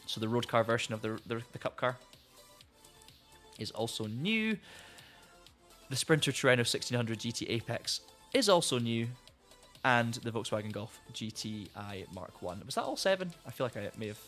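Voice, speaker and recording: On a live stream, a man with a mid-range, fairly bright voice chats casually at a moderate pace, his intonation lively, while soft music plays behind him. He reads out viewer comments in a rambling, friendly way, often restarting sentences, and mentions that he's losing his voice.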